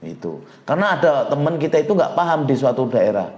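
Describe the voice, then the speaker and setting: A man's voice: on the high side, fast talker, roomy sound. A man giving a religious lecture, acting out little dialogues and reciting Arabic. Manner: lively, acts out quoted dialogue and recites Arabic. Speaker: preacher.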